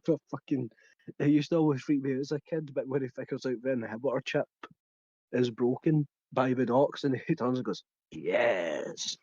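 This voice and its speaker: Man, podcast co-host, chatty and laughing, mid-pitched voice, dull lo-fi dry recording. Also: fairly even intonation, a little fast, warm tone, no room sound. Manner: chatty, laughs while telling, hunts for words. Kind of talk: casual film chat.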